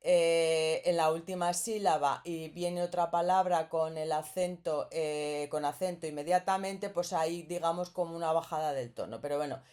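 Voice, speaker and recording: A woman's voice: sits low, fairly even intonation, normal speed, hardly any pauses, darkish tone. A woman teaching a grammar lesson, explaining patiently and often checking in with the listener.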